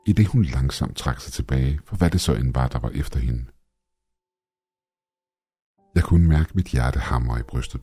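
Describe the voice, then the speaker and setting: A man narrating a scripted horror story in a measured, ominous way. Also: very deep voice, dark tone, breathy edge, no echo. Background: faint background music.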